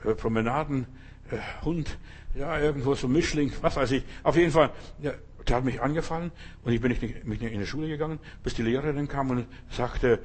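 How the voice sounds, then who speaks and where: A man preaching a sermon, telling a story and then urging listeners forcefully, often repeating himself. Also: medium pitch, a little fast, slightly rough. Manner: storytelling, then forceful exhortation with bursts of emphasis; restarts and repeats words often, asks "verstehst du?".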